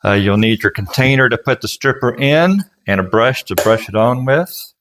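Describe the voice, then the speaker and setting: This clip has a man with a medium-pitched, animated voice, speaking at a moderate pace over background noise. He's a furniture restorer and instructor, walking through the work step by step in a plain-spoken, folksy craftsman's way.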